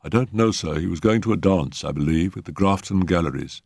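A man doing a flat-voiced manservant. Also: low-pitched, brisk, vocal fry, slightly rough, dry recording, studio quality, exaggerated voice. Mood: guarded. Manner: flat, expressionless servant's tone. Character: young gentleman posing as his manservant.

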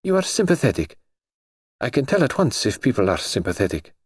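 A man's voice: mid-range voice, very animated, breathy edge, dry recording, voice pushed up. A cheerful young grand duchess, bubbly and used to giving orders, with a man putting her on. The voice sits well above a normal man's and swoops about. The recording is dry and close. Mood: confiding. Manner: bubbly, commanding, quick to stamp her foot. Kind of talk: audiobook character voice.

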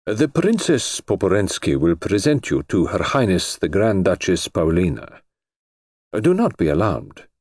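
A grave middle-aged count, measured and a little reluctant, as a man plays him. The voice sits low and moves slowly. Dry, close recording. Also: wildly swooping pitch, darkish tone, no room sound, exaggerated voice. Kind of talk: audiobook character voice.

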